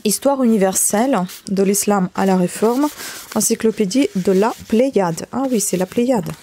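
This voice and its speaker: A woman's voice: medium pitch, normal speed, mellow, a little hiss or hum. A woman chatting casually while sorting and cleaning old books, thinking aloud and tagging sentences with little asides. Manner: chatty, thinking aloud while handling items, frequent "hein". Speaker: vlogger sorting books from bulky-item collection. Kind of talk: casual running commentary.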